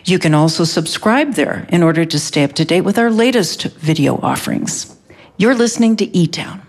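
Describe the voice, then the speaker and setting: A woman reading a scripted sponsor and station announcement in a smooth, even way. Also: fairly low pitch, moderate pace.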